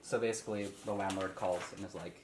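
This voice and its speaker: In an echoey room with faint noise, a deep-voiced man talks fast with fairly even intonation. He runs a casual script read-through, reading out stage directions and adding informal asides.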